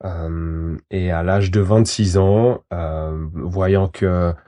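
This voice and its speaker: Appearing as a guest, a lawyer from Switzerland in his thirties responds to interview questions hesitantly, restarting often and using lots of fillers. He speaks very slowly in a low, dark voice with fairly even intonation.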